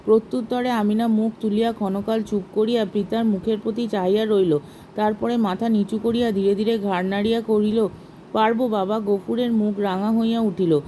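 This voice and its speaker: Woman narrating a classic short story, measured and expressive, warm mellow voice. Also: medium pitch, slight background noise, poor audio.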